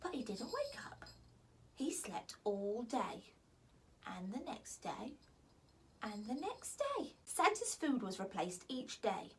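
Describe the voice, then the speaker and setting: A woman reads a children's story aloud in a high, playful voice that swoops widely through the lines, softening into whispers for quiet moments. Her delivery is expressive, with whispers and laughs, and she is recorded from a distance.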